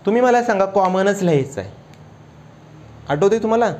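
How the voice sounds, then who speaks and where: This man's voice sits high and sounds animated, with a darkish quality. Lecturing his chemistry class, he fires off quick question after question and urges the students to respond aloud.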